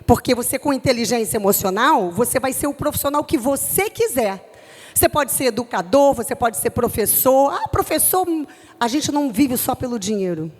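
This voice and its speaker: A middle-aged woman from Brazil with a Rio de Janeiro accent, preaching to a youth group with forceful, emphatic delivery. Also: a little high, expressive, moderate pace, big-room sound. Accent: Rio de Janeiro Portuguese. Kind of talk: youth church sermon.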